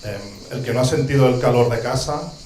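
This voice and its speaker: This Catalan man, a street social educator, talks fast in a mid-range voice, giving an earnest English talk from notes with a Catalan-Spanish accent. Hesitant, he keeps restarting and umming, with warm asides along the way. The low-quality recording has room echo and a little hiss or hum.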